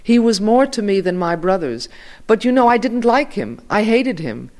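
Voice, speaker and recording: A man's voice: high-pitched, sing-song, normal speed, a little mellow, pitched above the performer's own voice. A man voicing an elderly male journalist who tells his story with rising heat.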